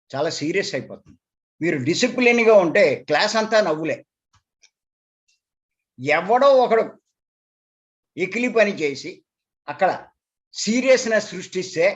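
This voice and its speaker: A man gives a spiritual talk as a meditation teacher, his voice pitched somewhat high. He explains earnestly and emphatically, circling back over the same points. The recording sounds dull and lo-fi.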